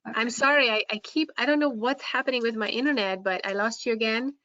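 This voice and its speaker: A care home operator and software founder answering panel questions on a video call with a shaky internet connection. She talks hesitantly, with many restarts. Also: fairly high pitch, a little fast. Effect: video call audio with a shaky internet connection. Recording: slightly muffled, dry video call audio.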